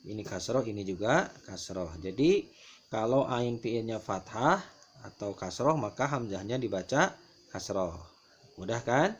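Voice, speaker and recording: A man's voice: lowish voice, animated, measured pace, husky. Patient male teacher, lo-fi sound. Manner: patient, repeats each step with "nah" and "ya". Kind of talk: classroom explanation over slides.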